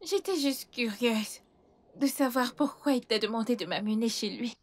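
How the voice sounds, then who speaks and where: A woman dubbing a grieving, timid orphaned girl in French, soft and pleading. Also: fairly high pitch, normal speed, close to an everyday voice. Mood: hesitant. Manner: tearful, pleading. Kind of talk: French dub of a film.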